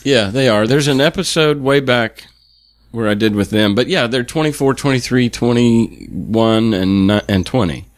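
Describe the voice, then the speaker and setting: A man's voice: medium pitch, normal speed, dry recording, studio quality. A middle-aged man hosting a podcast interview, casually talking and often restarting his sentences. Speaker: podcast host.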